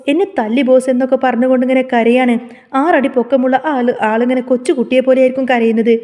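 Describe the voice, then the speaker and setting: A woman's voice: sits high, dark tone. A woman narrating a recap of a TV serial episode, reading the characters' lines within her retelling.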